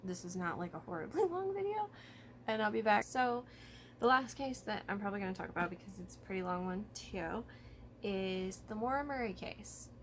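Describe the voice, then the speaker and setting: A vlogger talks informally to camera about true crime in a mid-range voice with lively intonation and a moderate pace. She thinks aloud and hedges as she goes, and there's a little hiss or hum in the audio.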